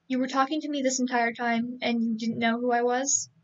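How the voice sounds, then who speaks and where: A woman's voice: fairly high pitch, little pitch movement, a little fast, muffled recording, natural voice. A woman reading the lines of a forgetful, earnest teenage girl from a novel, in a hesitant, flustered manner.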